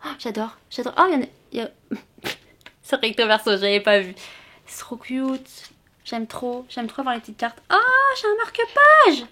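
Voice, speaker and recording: A woman's voice: a little high, fairly even intonation, moderate pace, pauses often, a bit bright. A woman from France chatting casually in a book haul vlog, gushing with frequent exclamations and restarts. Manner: gushing, exclaims often, many fillers and restarts. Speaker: booktuber vlogging a book haul. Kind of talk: casual chat.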